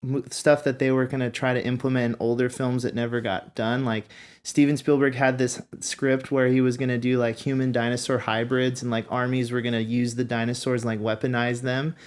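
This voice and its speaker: A man on a podcast panel chatting casually about a movie, animated, laughing often and full of fillers. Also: mid-range voice, fairly quick, clean tone. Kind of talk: casual chat.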